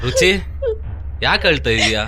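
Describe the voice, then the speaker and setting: A reassuring young man, bright voice. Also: medium pitch, big pitch swings, moderate pace. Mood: soothing. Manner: reassuring, skeptical. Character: calm young man comforting his girlfriend. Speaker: dubbing actor. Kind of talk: dubbed film dialogue.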